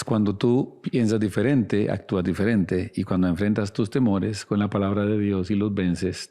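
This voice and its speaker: A man's voice: on the low side, warm tone. A man preaching a sermon as a pastor, earnest and speaking straight to the listener with direct questions. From Latin America.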